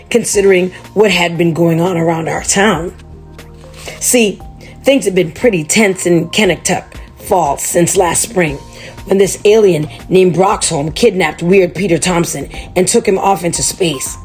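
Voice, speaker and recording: A woman reading a chapter book aloud to children, chatty and animated. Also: fairly low pitch, unhurried, soft background music.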